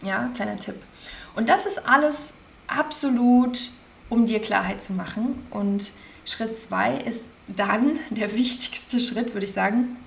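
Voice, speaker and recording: A woman hosting a podcast, gently guiding listeners through self-reflection, slowly repeating questions and stressing single words. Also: fairly high pitch, creaky, a little hiss or hum. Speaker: podcast host, coach. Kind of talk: guided self-reflection talk.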